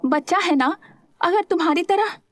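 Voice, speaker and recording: A woman's voice: extremely high pitch, normal speed, no room sound, studio quality, pitched above the performer's own voice. A woman voicing a young woman who teases her brother playfully and answers her husband curtly and bitterly. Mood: cold. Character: young woman, playful teasing sister turned cold wife.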